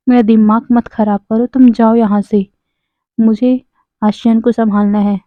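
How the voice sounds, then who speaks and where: A short-tempered young father snaps curt orders to be left alone, as a woman narrator reads him in her fairly high voice. The sound is dry and thin, like a phone. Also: flat delivery, measured pace, no echo, narrow, tinny audio, close to an everyday voice. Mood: irritated. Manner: curt, snapping. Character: irritable young father, sharp and dismissive.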